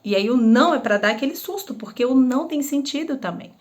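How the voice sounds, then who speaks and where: A woman's voice: sits high, expressive, fast talker. A woman and former teacher talks through parenting advice in an easy, conversational way. She keeps asking rhetorical questions and briefly acts out everyday scenes to make her points. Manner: explains with rhetorical questions and acted-out examples. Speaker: parenting educator; former schoolteacher. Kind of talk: casual advice talk to camera.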